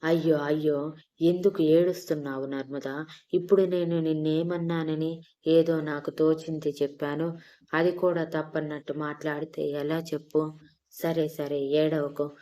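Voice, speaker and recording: A woman's voice: sits low, level tone, measured pace, warm tone. A woman voicing a stubborn, reluctant young man who answers in a grudging, defensive way, in an audio story. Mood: soothing.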